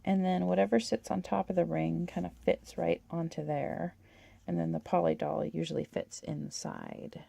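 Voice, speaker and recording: A woman hosting a toy-collecting channel, chatting and gushing through a catalog in a hoarse voice. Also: lowish voice, fairly even intonation, normal speed, warm tone, no echo. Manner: chatty, gushing, with little laughs. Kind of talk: casual show-and-tell of a toy catalog.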